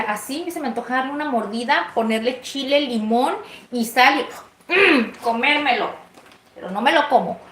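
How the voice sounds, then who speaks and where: A woman's voice: sits high, fairly bright tone. A woman cooking in her home kitchen, chatting playfully and gossipy straight to her viewers. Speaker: cooking vlogger. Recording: echoey kitchen, faint noise.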